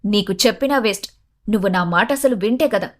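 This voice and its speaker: A woman voicing a sharp-tongued, contemptuous young wife in a storybook tale. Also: mid-range voice, brisk, natural voice. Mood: scornful. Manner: sneering, irritated.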